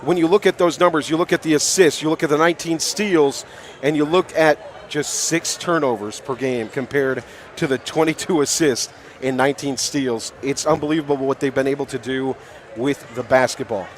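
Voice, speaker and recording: An American sports radio play-by-play man hosts a basketball pregame show, firing off statistics with emphasis. His voice sits at a medium pitch and moves at a normal speed over slight background noise.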